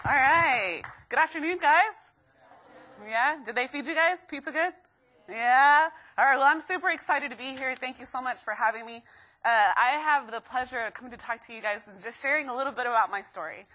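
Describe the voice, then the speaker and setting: A young woman from Guatemala gives a lively motivational talk to a room of students. Her voice is bright and forward, sitting a little high, and she keeps tossing questions out to the crowd. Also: brisk. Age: young adult. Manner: energetic, keeps quizzing the crowd. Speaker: motivational speaker.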